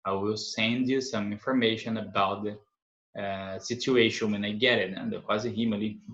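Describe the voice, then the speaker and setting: A man with a Brazilian Portuguese accent, teaching an English lesson, patiently explaining sentences, often adding "né?", reading examples slowly. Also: on the low side, fairly even intonation, fairly bright tone. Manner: patient explanations, frequent "né?" tag questions. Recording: echoey room, dull lo-fi sound.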